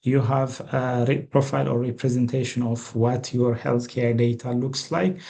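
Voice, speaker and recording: A man from Ethiopia delivers a training lecture in a slow, hesitant way. His voice is dark and gravelly, with a flat, even delivery broken by frequent fillers and restarts. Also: mid-range voice.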